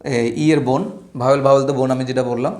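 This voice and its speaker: A man's voice: medium pitch, steady tone, fast, darkish tone. A man teaching an English lesson at a board, explaining with playful family comparisons. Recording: echoey room.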